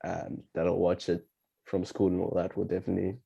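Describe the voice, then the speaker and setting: A man's voice: sits low, completely flat delivery, brisk, vocal fry, dark tone, husky, muffled recording. A young South African man hosting a podcast in a casual, chatty style. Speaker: podcast host. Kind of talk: casual chat.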